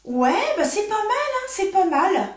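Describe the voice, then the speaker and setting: Chatty high-voiced French woman, echoey room. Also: sing-song, unhurried. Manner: chatty, thinking aloud with many fillers. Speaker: nail technician and makeup artist. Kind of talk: casual unboxing chat. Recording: roomy echo.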